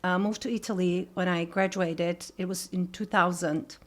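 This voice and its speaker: A woman's voice: fairly low pitch, fairly even intonation, moderate pace. A woman from Turkey, a guest artist in a casual interview, speaking hesitantly with many ums and uhs. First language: Turkish.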